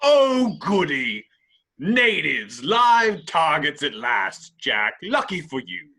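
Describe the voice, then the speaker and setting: A swaggering pirate captain, acted by a man in a table read, with a fairly high voice that swings widely. He is theatrical and mocking, drawing out his words with villainous glee. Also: very animated, slow pace, sharp tone, husky, full character voice. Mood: gleeful, menacing. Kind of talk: amateur table read acting.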